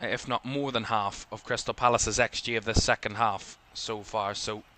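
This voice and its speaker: Bright-voiced Northern Irish football commentator. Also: male voice, fairly even intonation. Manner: quick play-by-play calls that lift in pitch at attacking moments. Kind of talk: live watchalong match commentary.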